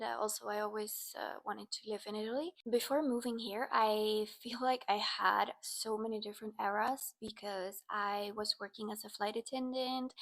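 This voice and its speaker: A woman, talking in a relaxed, chatty way in a casual personal vlog and sometimes drifting into soft, breathy asides. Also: medium pitch. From Finland. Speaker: vlogger.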